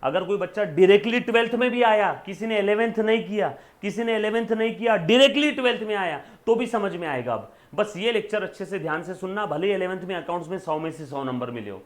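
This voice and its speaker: A man with an Indian accent teaching accounting in a casual lecture, mixing in English terms, reading definitions slowly and often asking "yes or no?". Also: high voice, lively intonation. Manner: coaxing, asks "yes or no?" often; mixes Hindi with English terms. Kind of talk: online classroom lecture.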